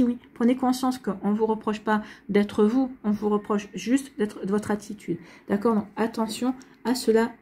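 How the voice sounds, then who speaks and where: Her voice is a little high, warm and husky: a French astrology and tarot reader with hiccups. She delivers a casual, wandering astrology reading to viewers, full of restarts and words of reassurance.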